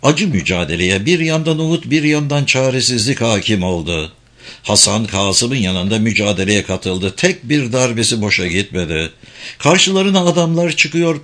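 A man reading a novel aloud as a dramatic, expressive audiobook narration. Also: lowish voice.

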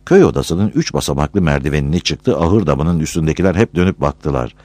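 A man narrates a village story aloud in a low voice that rises and falls a great deal. He reads expressively, and the recording is very dry and close. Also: a little fast, no room sound. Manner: expressive, performs character voices.

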